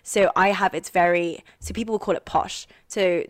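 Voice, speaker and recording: A woman's voice: on the low side, steady tone, normal speed, no echo, clean studio sound. A young woman from London with a received pronunciation accent, chatting animatedly as a podcast guest. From England. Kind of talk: casual chat.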